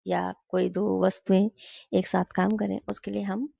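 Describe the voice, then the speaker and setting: A woman tutor walks through grammar rules step by step and slows down to read English example sentences aloud. Her voice is gravelly and mellow, with a flat, steady melody. The recording is dry and a little dull. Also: medium pitch, no echo. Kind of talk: Hindi-medium grammar lesson.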